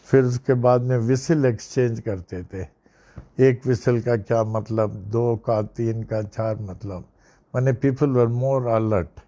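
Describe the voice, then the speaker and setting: An older man giving a devotional discourse, telling a story slowly with repeated phrases and bits of English. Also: mid-range voice, fairly even intonation, warm tone. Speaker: spiritual teacher.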